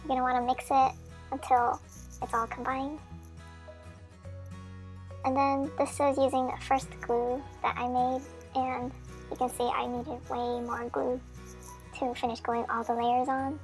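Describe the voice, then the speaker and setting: A woman's voice: high voice, level tone, unhurried, pauses often, soft background music. A woman's voice sped up into a chipmunk voice, giving a chatty, friendly craft how-to voice-over with small slips. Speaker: craft tutorial maker.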